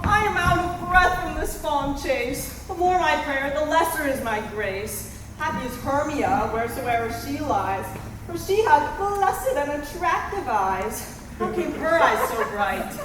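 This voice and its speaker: A woman's voice: high voice, lively intonation, unhurried, background noise. A young woman as Helena, a lovelorn young woman. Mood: pleading. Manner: pleading, plaintive. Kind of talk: school stage play. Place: school stage. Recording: echoey hall from far off.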